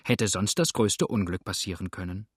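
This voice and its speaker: A man's voice: low voice, moderate pace, husky, no room sound, studio quality. A man voicing a pleased male doorkeeper muttering to himself in a storybook reading. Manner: muttering, chuckling.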